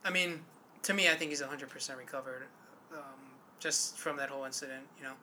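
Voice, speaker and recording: Man, higher pitch, podcast co-host, rambling, hesitant, casual chat. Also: fast talker, sharp tone, slight background noise. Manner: rambling, hesitant with many fillers.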